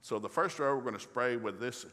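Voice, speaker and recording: A middle-aged man preaching in a church, telling a folksy, humorous story and acting out the dialogue in lively voices. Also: mid-range voice, brisk. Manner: folksy, animated, acts out dialogue. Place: church sanctuary. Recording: long reverb of a large hall.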